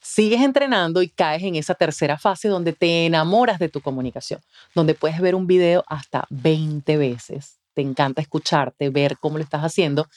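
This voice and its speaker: A Venezuelan woman speaks as a communication mentor on a podcast. Her voice sits a little low, and she talks expressively, acting out quoted voices. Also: normal speed. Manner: expressive, acts out quoted voices, frequent "¿ves?". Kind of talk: animated interview talk. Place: podcast studio.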